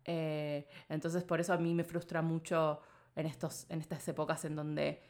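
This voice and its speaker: Low-voiced Argentine woman musing aloud. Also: little pitch movement, normal speed, darkish tone. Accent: Argentine Spanish. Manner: rambling, thinks aloud with many filler phrases. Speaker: interview guest. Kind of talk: casual reflective conversation.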